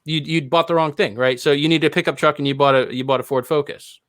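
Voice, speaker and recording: A man's voice: fairly high pitch, fairly even intonation, quick pace, a bit bright, no echo. Dry-sounding man explaining audio gear. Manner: explains with everyday analogies, keeps checking "right?". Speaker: podcast co-host. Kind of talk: casual live podcast chat.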